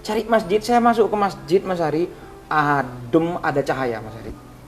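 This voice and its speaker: A man's voice: moderate pace, faint music behind. Earnest man telling an emotional story. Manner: earnest storyteller, voice rising high when recalling prayers. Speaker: ustadz guest. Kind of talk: emotional personal story in an interview.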